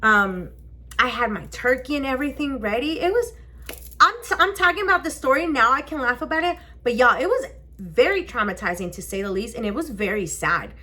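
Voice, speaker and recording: A young woman vlogger telling a personal story in a casual, animated way, swearing often and acting out the people in it. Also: a little high, brisk. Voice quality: animated, swearing, acts out voices in her story.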